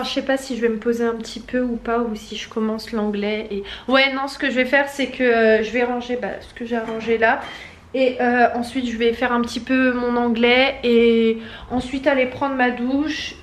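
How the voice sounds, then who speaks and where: A woman's voice: a little high, steady tone, normal speed, a little hiss or hum. A young adult woman, a student vlogger, chatting casually at home, hesitant and full of fillers. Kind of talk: casual chat to camera.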